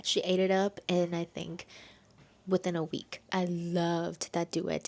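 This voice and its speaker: A young woman chatting casually as she reviews a book for her vlog, with lively asides. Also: on the low side, vocal fry.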